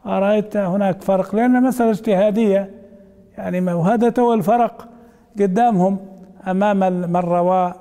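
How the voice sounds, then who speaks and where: A man's voice: high-pitched, fairly quick, warm tone, in a large hall. A man teaching a hadith commentary, reading the text aloud, then explaining it in colloquial asides and putting questions to his class.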